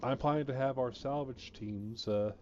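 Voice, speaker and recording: A man's voice: medium pitch, moderate pace, a little mellow, dull audio, slight background noise. A man chatting casually on a gaming stream, rambling and hesitant, full of fillers, sounding a bit sleepy. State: sleepy, yawning.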